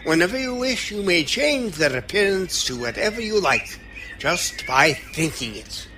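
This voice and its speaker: In an audio drama, a male actor plays an eccentric, kindly, cheerful old time-travelling doctor who dithers through ums and broken phrases. His high voice is very animated and a little slow, with a fussy, gentle mood, and there is some background noise.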